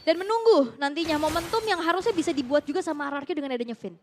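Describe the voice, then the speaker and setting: An Indonesian woman commentating on an esports match in a high voice. She is chatty and animated, given to exclamations, with music clearly behind her. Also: quick pace. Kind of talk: live game commentary, chatty analysis.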